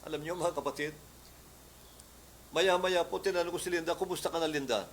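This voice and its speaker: Filipino male pastor, fervent preacher who swells into loud commands, voice a touch high, faint noise behind. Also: brisk. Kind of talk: Bible study sermon.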